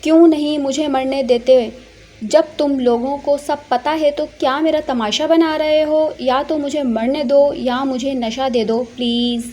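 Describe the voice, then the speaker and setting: A woman's voice: sits high, fairly even intonation, measured pace, warm tone. A woman voicing a desperate young man in drug withdrawal, pleading in anguish.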